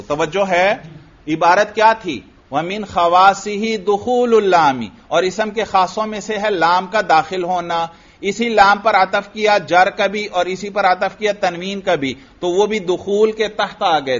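A man's voice: high voice, fairly bright tone, highs cut off. A man teaching a classical grammar lesson, asking his students questions and answering them himself, repeating each point. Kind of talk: Arabic grammar lesson in Urdu.

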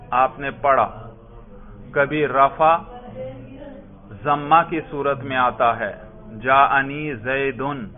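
A man teaching an Arabic grammar lesson, patiently quizzing his students, answering his own questions and slowly reading out example phrases. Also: medium pitch. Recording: tinny phone-like audio.

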